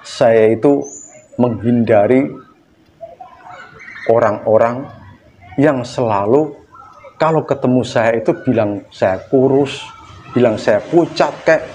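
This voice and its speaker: A man's voice: mid-range voice, darkish tone, slight background noise. A middle-aged man casually telling a personal story, chatty and joking with frequent laughter. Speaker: vlogger sharing personal recovery story. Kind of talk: casual monologue.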